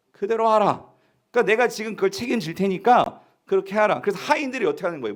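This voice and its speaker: A male pastor preaching a Sunday sermon in a church, asking the congregation questions and answering them himself. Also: sits high. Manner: acts out characters' quoted lines. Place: church sanctuary.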